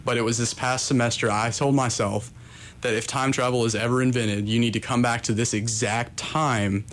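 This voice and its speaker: Flat-toned young American man chatting. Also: medium pitch, moderate pace. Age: young adult. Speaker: interview guest, coffee shop worker. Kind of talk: casual conversational interview answers. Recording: noticeable background noise.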